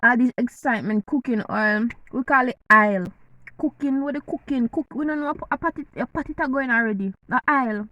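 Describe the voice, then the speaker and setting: A woman's voice: a little high, brisk, bright, forceful tone, muffled recording. A woman from Jamaica with a Jamaican accent, chatting playfully to camera and eating as she talks. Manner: playful, teasing, eating while talking. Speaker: vlogger. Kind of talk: casual chat to camera.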